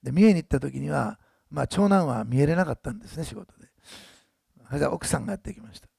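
A man's voice: fairly high pitch, expressive, quick pace, gravelly, warm tone, breathy edge, dry recording, clean studio sound. A man in his sixties, a pastor telling a story in a sermon, chatty, often adding tag words. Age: 60s. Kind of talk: sermon testimony.

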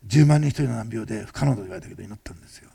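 A male pastor giving a fast-paced, conversational sermon that often turns to ask the listeners questions. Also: lowish voice, expressive, vocal fry, mellow, slightly rough. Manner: fast-talking, admits rushing. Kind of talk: sermon testimony.

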